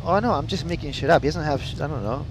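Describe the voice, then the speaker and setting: A native Italian speaker with an Italian accent live-streams a flight simulator session from his home sim room, chatting bluntly, swearing a lot and reading chat aloud. His voice is on the high side and he talks fast, with background noise present.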